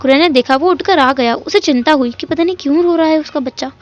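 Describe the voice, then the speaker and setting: A woman's voice: sits high, fast talker. A woman narrating a fan fiction story in a chatty, emotional retelling style. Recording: dull lo-fi audio.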